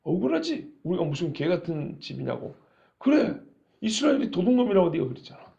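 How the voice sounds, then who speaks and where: Male pastor giving a sermon, pretty high gravelly voice, keeps asking the room questions, muffled lo-fi sound. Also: a little fast. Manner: lively, asks the congregation questions.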